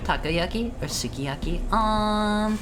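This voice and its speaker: A woman streamer chatting casually while gaming, haltingly repeating words and phrases as she goes. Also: mid-range voice, animated, over music. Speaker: video game streamer. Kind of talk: casual game streaming chat. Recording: clear background game noise.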